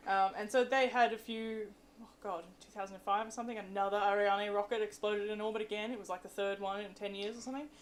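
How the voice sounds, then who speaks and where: A woman appears as a guest science speaker at a live talk, answering questions with informal, chatty explanations and openly admitting where her expertise ends. She talks fast in a mid-range, steady voice. The presentation room has an audience, and the recording is noisy.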